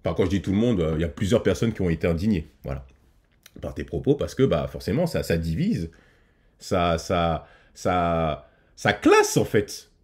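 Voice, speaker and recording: Deep-voiced man hosting a reaction video. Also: sing-song, normal speed, darkish tone. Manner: hesitant, many fillers and restarts; addresses viewers directly. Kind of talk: casual reaction commentary.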